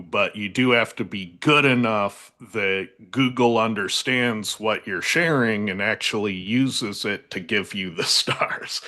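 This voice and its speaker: A man with a low voice and a bright, forceful edge talks slowly through a casual panel discussion. He circles and restarts his sentences as he works out each point. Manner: unhurried, with many restarts. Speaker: SEO panelist.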